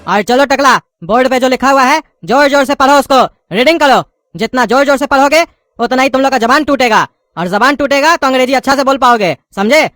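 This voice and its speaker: A woman's voice: sits high, fairly quick, fairly bright tone, no echo, clean studio sound, soft background music. Woman playing an impatient scolding cartoon schoolteacher. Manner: scolding, corrects pronunciation. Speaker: teacher.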